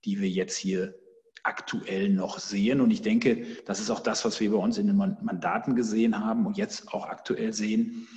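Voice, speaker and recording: A man's voice: lowish voice, moderate pace, darkish tone, long reverb tail. A man co-hosting a podcast with conversational market commentary, explaining with emphatic wording. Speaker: finance podcast co-host.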